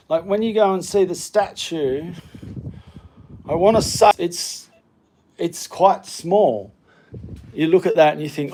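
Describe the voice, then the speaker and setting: A man with a fairly high, slightly mellow voice chats through a casual tour of his home. As a vlogger walking viewers from the hallway into his studio room, he rambles, hesitates and runs himself down.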